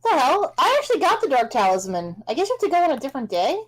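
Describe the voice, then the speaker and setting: Woman, game streamer, playful, jokey, high pitch, very animated. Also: racing, low-quality recording. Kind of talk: casual co-op game stream chat.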